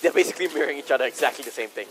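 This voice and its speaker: A man's voice: medium pitch, very fast, a bit bright, faint music behind. A man casting a mobile esports match in chatty, storytelling commentary. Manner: chatty, storytelling, laughs often. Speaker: esports caster.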